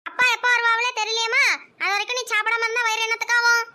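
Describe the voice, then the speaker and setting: A woman voicing a scheming old cartoon grandmother with a Kanyakumari Tamil accent, coaxing and sing-song at first, then sharp-tongued. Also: very high voice, little pitch movement, rapid-fire, slight background noise, full character voice.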